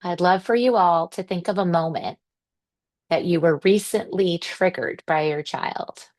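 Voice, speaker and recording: A woman giving a workshop presentation to parents, explaining things in a gentle, reassuring, measured way. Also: on the low side.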